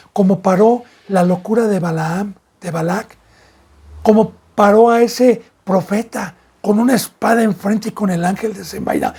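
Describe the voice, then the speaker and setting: A man's voice: high-pitched, breathy edge. A man, a pastor giving an emphatic sermon that leans into vivid storytelling. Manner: emphatic preaching, acting out shouted scenes.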